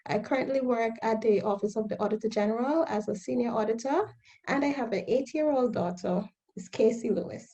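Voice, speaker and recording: A Guyanese woman in her thirties, appearing as a guest entrepreneur on a radio interview, earnestly and steadily explains her new business. Her accented voice is a little high and fairly quick, and the audio quality is poor.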